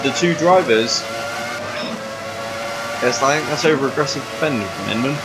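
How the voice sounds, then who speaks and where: A man's voice: a little high, background noise. Bantering male race commentator. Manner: chatty, self-correcting, bantering. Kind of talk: casual sim-racing commentary. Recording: music playing behind.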